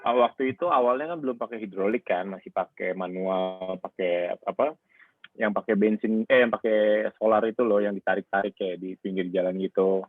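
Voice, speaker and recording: A man talks over a phone line in a relaxed, rambling way, full of fillers. His voice sits fairly low and comes through thin and tinny, with a dry, close sound. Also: normal speed, no echo. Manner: chatty, rambling, uses many fillers. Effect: heard over a phone line. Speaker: car wash owner. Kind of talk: casual interview over a call.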